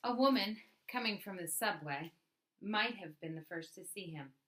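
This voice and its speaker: A woman reading a picture book aloud as a storyteller, with expressive narration and dramatic emphasis on key words. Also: mid-range voice, moderate pace.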